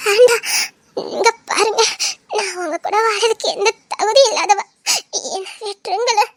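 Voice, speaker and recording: A woman's voice: extremely high pitch, moderate pace. An actress playing a young wife who is ashamed and leaving. She speaks through tears, broken and half-laughing as she sobs. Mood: pleading. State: crying.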